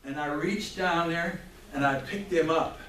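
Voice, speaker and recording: A man's voice: fairly high pitch, measured pace, a bit bright. A man giving a spoken testimony before a church congregation, telling his story fervently with restarts and chuckles. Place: church hall. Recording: echoey room mic from far off, faint noise.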